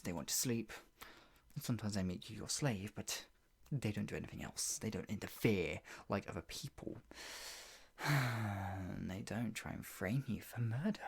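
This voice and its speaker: In an improvised ASMR roleplay, a performer plays a possessive, sadistic yandere captor, mocking and menacing. The medium-pitched, exaggerated voice is breathy and often sinks toward a whisper, delivering slow, drawn-out taunts broken up by laughs and sighs.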